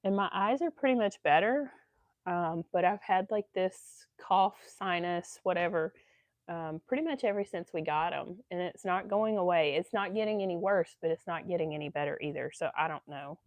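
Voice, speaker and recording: With a lowish voice at a moderate pace and no room sound, a woman hosts a laid-back sewing livestream. She's stuffy from allergies and rambles chattily, saying um a lot.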